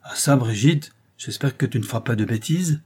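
A man voicing an irritable, sharp-tongued middle-aged woman in a story reading, scornful and shrill. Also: moderate pace, breathy edge, lightly acted. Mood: exasperated.

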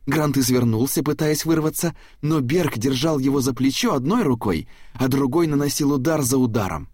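Brief: male audiobook narrator, husky, steady, dry studio sound. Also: mid-range voice, moderate pace, dry recording. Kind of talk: scripted narration.

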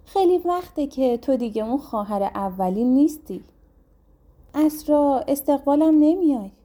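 A woman's voice: high-pitched, lively intonation, dark tone, voice pushed up. A woman voicing a caring young hunter brother in a folktale, speaking tenderly and with concern.

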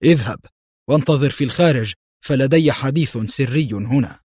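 A man's voice: mid-range voice, normal speed, a little mellow, slightly rough, no echo, close to an everyday voice. A man playing a stern cold general. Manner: stern, clipped commands. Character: stern commanding male general, older, cold authority. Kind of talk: audiobook character voice.

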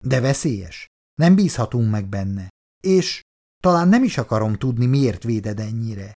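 A man's voice: medium pitch, sing-song, darkish tone. Brief: narrator as a distrustful man, muttering and grumbling, storybook. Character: suspicious grumbling male colonist.

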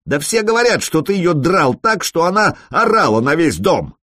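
A man voicing a drunk, brash male warrior who yells crude taunts. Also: a little high, big pitch swings, moderate pace, dry recording, studio quality, pitched above the performer's own voice. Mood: drunk and jeering.

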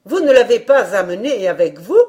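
A woman's voice: on the high side, big pitch swings, normal speed, dark tone, pitched above the performer's own voice. A woman putting on a cold, scheming stepmother.

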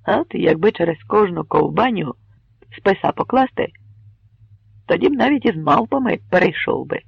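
A man voicing a bold, hot-tempered, joking Cossack with a loud, excited delivery, husky and gravelly, on a muffled recording. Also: sits high, moderate pace, no room sound, heavily acted.

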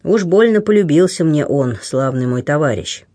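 A man's voice: fairly high pitch, expressive, moderate pace, warm tone, close to an everyday voice. A man reading the part of a blunt, kindly aging buccaneer who grumbles and teases. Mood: gruff warmth. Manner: grumbling, teasing, plain-spoken.

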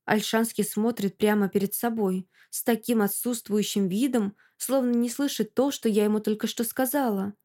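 A woman narrating a first-person audiobook with an expressive, emotional reading. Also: medium pitch, moderate pace, few pauses.

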